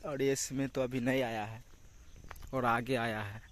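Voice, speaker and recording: Casually touring farm fields in Bihar, India, a young man explains and points things out for his vlog, often repeating himself. He speaks at a measured pace in a medium-pitched, fairly even voice, recorded outdoors on a handheld phone with clear rural background noise.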